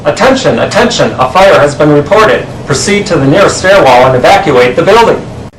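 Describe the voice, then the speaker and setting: A man's voice: on the high side, fairly quick, a bit bright, echoey room, slight background noise, natural voice, low-quality recording. A man playing an official emergency announcer giving a commanding evacuation order. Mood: urgent, commanding.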